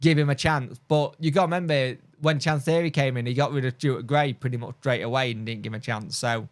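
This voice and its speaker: With a steady, mid-range voice and slightly quick delivery, a worn-out football fan channel host who has a mild speech impediment reads viewer comments on a casual stream. He's blunt and restarts often amid fillers, and there's no room sound.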